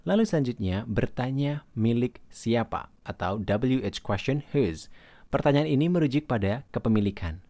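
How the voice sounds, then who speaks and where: A man teaching English grammar in a recorded lesson. He reads English example questions slowly and then translates them. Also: mid-range voice, expressive, dark tone, no echo.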